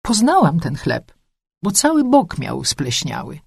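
A woman narrating a first-person story with a lively, expressive reading. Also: sits low, unhurried, gravelly, breathy edge, no echo, clean studio sound.

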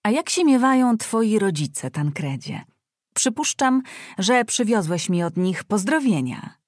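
A woman reading aloud, voicing a fussy, scolding older aunt who talks in an excitable, bossy way. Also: medium pitch, a little slow, no room sound, studio quality, pitched above the performer's own voice.

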